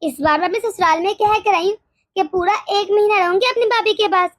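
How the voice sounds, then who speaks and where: A woman voicing a cheerful, caring young married daughter in an animated story, chatty and eager. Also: very high voice, a little fast, no echo, studio quality.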